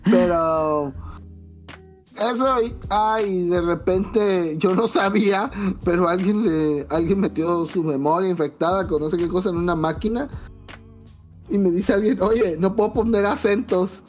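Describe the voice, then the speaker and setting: A woman's voice: fairly low pitch, a little slow, faint music behind. A woman with a Mexican accent, a podcast guest telling slangy, profane stories in casual chat and acting out the dialogue. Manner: slangy, profane, animated anecdotes with quoted dialogue.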